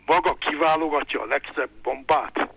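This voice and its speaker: A man voicing a loud, suspicious middle-aged male former beat policeman who shouts excitably down the phone. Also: a little high, vocal fry, slightly rough, dry recording, exaggerated voice, poor audio. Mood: shouting.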